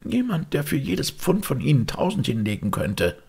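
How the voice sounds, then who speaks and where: A man voicing a shrill, defiant middle-aged maid who shrieks and answers sullenly. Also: big pitch swings, a little fast, creaky, husky, exaggerated voice.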